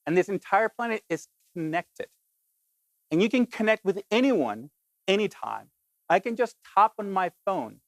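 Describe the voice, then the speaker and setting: Colombian-born guy giving a keynote, animated and emphatic, keeps saying basically, dry close sound. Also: high-pitched, moderate pace, no room sound. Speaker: keynote speaker. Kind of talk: motivational talk to an audience.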